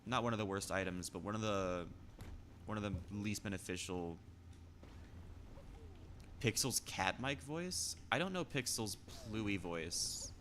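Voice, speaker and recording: Young male streamer, casual rambling chat, stammers a lot, lowish but bright voice. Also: expressive, measured pace, pauses often, a little hiss or hum. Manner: rambling, stammers and restarts, reads chat aloud.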